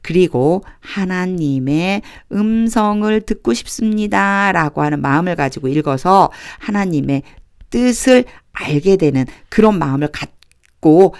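A woman's voice: fairly low pitch, a little mellow. Patient woman teaching English Bible reading. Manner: patient, repeats and breaks sentences into chunks; reads English lines very slowly and deliberately. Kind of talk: explanatory lesson, reading aloud slowly.

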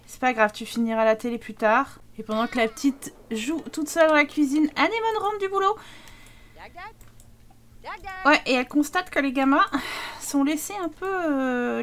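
A French-speaking woman hosting a let's play video, commenting chattily and with quick exclamations. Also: high-pitched. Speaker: gaming channel host.

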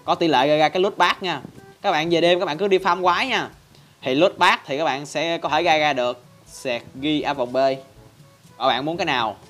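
A man's voice: a little high, brisk, fairly bright tone, soft background music. Chatty man narrating a tutorial. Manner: chatty, constantly addressing viewers. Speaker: Minecraft channel host. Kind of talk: casual game tutorial narration.

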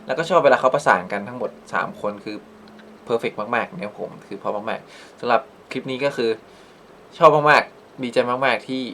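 A man's voice: medium pitch, moderate pace, sharp tone, a little hiss or hum. A man hosting a reaction channel, chatting casually about a performance, rambling with lots of restarts and polite phrasing.

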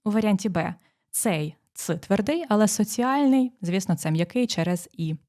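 A woman teacher explaining exam phonetics, pronouncing sample words slowly and walking through each rule step by step. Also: mid-range voice, expressive, darkish tone. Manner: dictating sounds slowly, explaining rules step by step. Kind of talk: exam prep lesson.

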